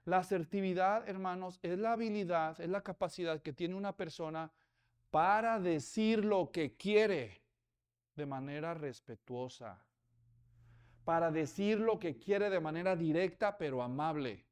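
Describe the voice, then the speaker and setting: High smooth-voiced man preaching. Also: unhurried. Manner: lively storytelling with rhetorical questions and humor. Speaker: pastor. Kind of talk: sermon.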